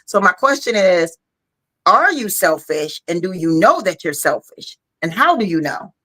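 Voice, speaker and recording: A woman co-hosts a casual podcast, speaking in a slightly low voice. She sounds tired after a long day but stays frank and talkative, filling her sentences with "you know.". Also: sing-song, normal speed, sharp tone. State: tired, yawning. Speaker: podcast co-host. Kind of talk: casual chat.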